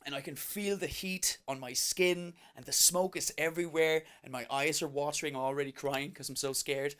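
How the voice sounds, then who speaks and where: A man doing stand-up comedy, telling an animated, self-mocking story. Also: on the high side, normal speed, clear, resonant tone.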